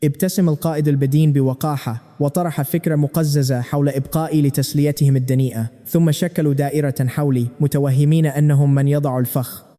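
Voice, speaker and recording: A man reads a story aloud in a steady, dramatic way. His voice is very dark and mellow, and he moves at a brisk pace. A long reverb trails each phrase. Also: on the high side. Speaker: narrator. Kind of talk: scripted story narration.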